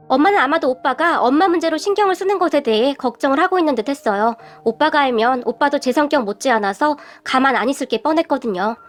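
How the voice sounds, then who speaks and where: A young woman narrating a family story in the first person, earnest and quick to heat up. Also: high-pitched. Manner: earnest, quickly heated when retelling anger.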